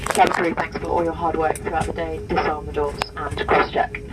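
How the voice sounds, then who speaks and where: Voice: medium pitch, level tone. Cabin crew voice on the plane PA, polite routine arrival announcement, heard from afar over engine hum. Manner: polite, measured, routine airline phrasing. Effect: plane cabin loudspeaker announcement. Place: aircraft cabin after landing. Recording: distant loudspeaker, cabin engine noise.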